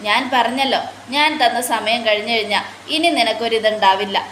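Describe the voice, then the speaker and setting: A woman voicing a gravely ill young mother who pleads earnestly for her little daughter's future. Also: fairly high pitch, a little fast, fairly bright tone, a little hiss or hum, natural voice. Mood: pleading. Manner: earnest, pleading retelling of dialogue. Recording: roomy echo.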